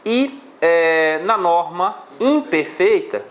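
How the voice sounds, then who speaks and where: A man's voice: sits high, expressive, takes it slowly. A male law teacher with a Brazilian Portuguese accent, lecturing a class on exam questions and explaining step by step.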